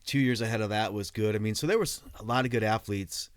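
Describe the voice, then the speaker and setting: Brief: man about fifty from Iowa, podcast guest, lowish voice, relaxed friendly chat, dry mic. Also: fast, smooth, dry recording. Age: 40s. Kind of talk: casual podcast interview.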